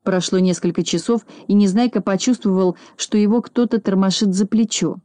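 A woman reading a children's story aloud in a calm, even storytelling voice. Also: mid-range voice, normal speed, no echo. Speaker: reader.

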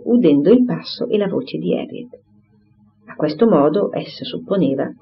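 An audiobook reader narrating a classic novel with expressive, carefully paced delivery. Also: medium pitch. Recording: slightly dull recording, faint hiss.

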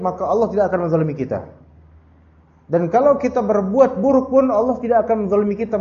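A man's voice: fairly high pitch, dark tone. A male Islamic teacher gives a conversational religious study lecture. He quotes Arabic verses, explains them, tags his sentences with "ya" and keeps addressing his listeners as "Pak". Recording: echoey room, dull lo-fi sound.

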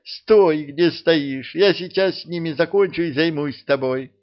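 A man voicing an angry, quarrelsome count who shouts in a raised, high voice. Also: unhurried, lo-fi sound, lightly acted. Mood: angry shouting.

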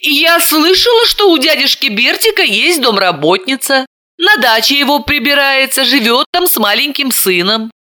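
A woman doing a shrill, tearful young woman. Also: expressive, normal speed, sharp tone. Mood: distraught. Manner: wailing, high-strung.

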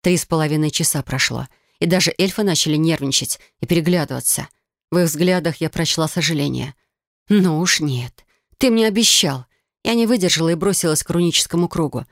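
An audiobook narrator reads a first-person fantasy story with an emotive, dramatic delivery. The voice is mid-pitched. The recording is dry and close, with no room sound. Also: fast talker, no room sound.

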